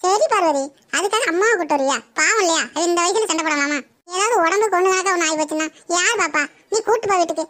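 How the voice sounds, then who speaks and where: A woman's voice: very high voice, fast, few pauses, a bit bright, no echo. A woman voicing a chatty, fussing village neighbor with a Tirunelveli Tamil accent, gossiping and making peace. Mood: soothing.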